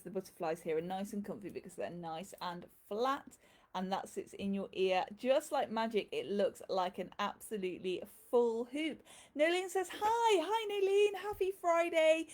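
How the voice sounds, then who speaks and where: Woman, live shop host, effusive and rambling, mid pitch. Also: a little mellow. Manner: chatty and effusive, greets viewers by name. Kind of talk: casual live-stream chat.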